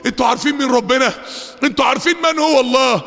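Fiery Egyptian preacher shouting in a hall. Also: male voice, very high-pitched, gravelly. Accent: Egyptian Arabic. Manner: fiery, swinging from fast asides to drawn-out shouted verses. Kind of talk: Friday sermon. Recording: long hall reverb.

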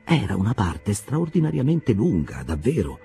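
A man narrating a classic novel as a scripted audiobook reading, telling it in an expressive, storytelling manner. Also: fairly low pitch, normal speed, vocal fry, husky.

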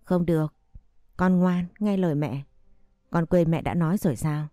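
A woman voicing a loving mother who gently comforts her small daughter in an audio story. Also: lowish voice, normal speed, dry recording, clean studio sound, natural voice. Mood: tender. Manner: tender, soothing.

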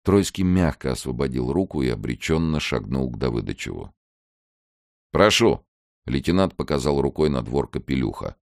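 A man reading a novel aloud, voicing every character, with lively delivery that rises sharply for shouted dialogue. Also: very deep voice, fairly quick, gravelly, no echo, clean studio sound. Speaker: audiobook narrator.

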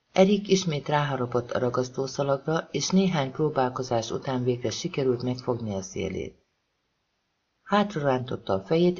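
A woman reading a novel aloud as an audiobook narrator, raising her pitch to voice the characters. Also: darkish tone, husky, highs cut off. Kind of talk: scripted narration.

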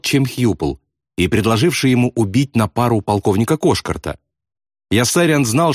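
A man narrating a novel in a steady, vivid literary reading. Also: mid-range voice, no echo, studio quality. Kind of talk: audiobook narration.

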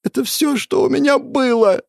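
A man voicing a grieving, furious teenage male demon emperor who shouts with a breaking voice. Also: very high voice, slow pace, creaky, no echo, studio quality, voice pushed up, exaggerated voice. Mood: tearful.

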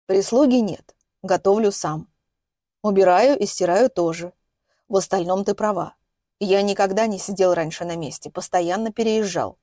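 A woman voicing a calm, quiet retired male hitman who speaks in a low, measured way. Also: no echo, clean studio sound, natural voice.

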